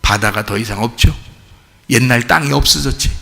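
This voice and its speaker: A man preaching a sermon as pastor, colloquial and animated, often asking his congregation questions. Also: mid-range voice, moderate pace, vocal fry, big-room sound, slight background noise. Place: church sanctuary.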